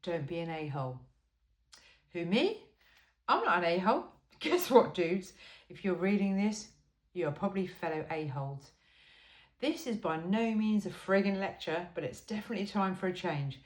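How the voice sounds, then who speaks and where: Reading a comic self-help book informally, a woman with a lowish voice speaks at normal speed with lively intonation. Her tone is wry and emphatic, like conversation, and she adds chatty asides. The recording has a roomy echo.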